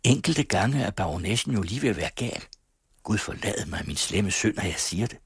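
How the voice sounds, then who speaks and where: A fretful young maid from a storybook, talking plainly and low with a husky grain, as the man narrating reads her. Close, dry sound. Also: animated, dry recording, full character voice. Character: young chambermaid, fond and fretful.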